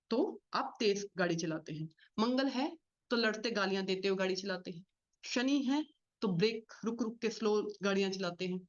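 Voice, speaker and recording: A woman gives a spoken astrology lesson at a quick clip, explaining point by point and answering her own questions. Her voice sits at an ordinary pitch for a woman. The audio sounds a little dull and lo-fi. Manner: fast-talking, explains with repeated rhetorical questions. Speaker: astrology teacher. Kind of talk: spoken class lecture.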